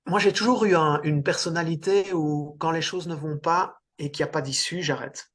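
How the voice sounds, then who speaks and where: Talking through his career as a guest in an informal interview, a middle-aged Belgian coach speaks at a moderate pace in a slightly high, steady, fairly bright voice. He is hesitant, frequently restarting and leaning on fillers.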